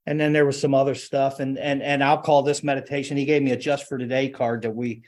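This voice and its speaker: A man's voice: mid-range voice, little pitch movement, fast, darkish tone. A man speaking informally to a group as a panel speaker, sharing personal testimony in a hesitant, conversational way. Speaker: panel speaker at a recovery meeting.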